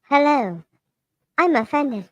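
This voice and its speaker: Woman faking a flat robot assistant. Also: sits high, takes it slowly, no echo, muffled recording. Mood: deadpan robotic. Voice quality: flat, monotone delivery. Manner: breaks into giggles.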